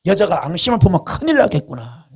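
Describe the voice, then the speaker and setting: A man's voice: high voice, fast, slightly rough. A male pastor preaching a revival sermon in a colloquial storytelling way, repeating phrases for emphasis. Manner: colloquial, animated storytelling with repetition.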